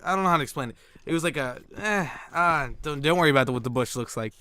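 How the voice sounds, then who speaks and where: A man's voice: fairly high pitch, expressive, fast talker, sharp tone, slight background noise. A man who makes gaming videos, telling a funny childhood story in a casual, rambling way, full of "like" and swearing, and laughing at his own punchlines. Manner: rambling, with lots of "like" and profanity. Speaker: gaming YouTuber.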